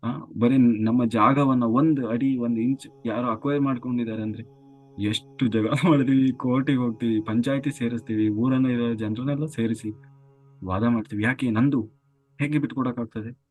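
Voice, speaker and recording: A man's voice: medium pitch, steady tone, moderate pace, a little mellow, highs cut off. A man giving a spiritual talk as a story, dramatic and repetitive, often dropping to a near whisper. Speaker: spiritual teacher.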